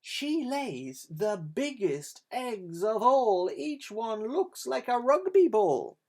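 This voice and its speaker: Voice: medium pitch, very animated, slow pace, voice pushed up, heavily acted. A reader voicing a crafty goose who tricks the thieves with a made-up bird. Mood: sly. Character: crafty farmyard goose passing the blame.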